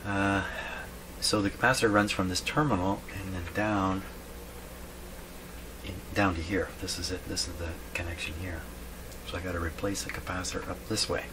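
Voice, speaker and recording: The voice sits low, with a level tone and a moderate pace, belonging to a man who hosts videos and repairs radios as a hobby. He offers casual, hands-on commentary, musing and asking himself questions as he works, amid clearly noisy workshop background sound.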